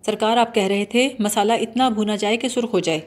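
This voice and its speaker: A woman's voice: mid-range voice, steady tone, natural voice. A woman reading the part of a long-suffering male household servant who speaks deferentially and matter-of-factly.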